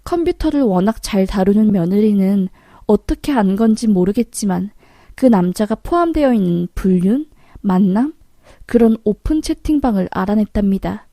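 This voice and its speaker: A woman calmly narrating a first-person story in a matter-of-fact way. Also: mid-range voice, normal speed, dry recording, studio quality.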